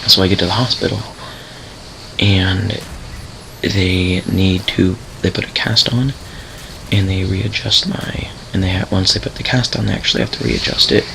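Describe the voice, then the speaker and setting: Young male gamer, low gravelly voice, rambling casual storyteller, faint hiss behind. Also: little pitch movement, normal speed. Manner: rambling, self-correcting, swears casually. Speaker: gaming channel host. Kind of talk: casual storytelling over gameplay.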